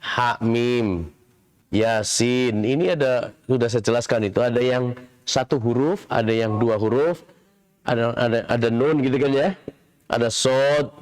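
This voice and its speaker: A middle-aged man giving a Quran commentary lecture in a large mosque, explaining slowly and quizzing his audience. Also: medium pitch, steady tone, darkish tone, smooth. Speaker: mosque preacher.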